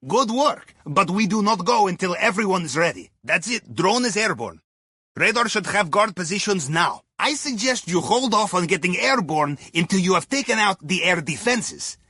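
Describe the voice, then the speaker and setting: Over comms in a video game mission, a jovial Russian captain guides his crew through a heist, playful and theatrical, dropping articles and tagging lines with a questioning "yes?" or "huh?". His husky, sharp-toned, exaggerated voice sits high for a man, with lively intonation, wide pitch swings, and a moderate pace. He sounds wry and instructive, and the audio is dry and close with no room sound.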